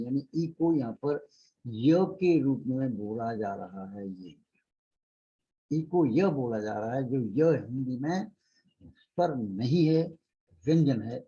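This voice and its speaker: A man's voice: mid-range voice, warm tone, breathy edge, dull audio. An older man from India with an Indian accent, teaching English grammar in a classroom lesson, explaining patiently and stretching out his example sentences. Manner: slow, explanatory, repeats example sentences with drawn-out emphasis.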